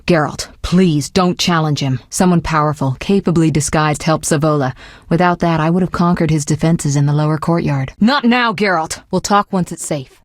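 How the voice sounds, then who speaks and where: Serious and intent, a composed sorceress from a fantasy game speaks through a woman's fairly low, natural voice. Measured and articulate, she is caring yet resolute, witty and earnest in how she puts things. It's studio quality with no echo and very little room sound, typical of video game voice acting.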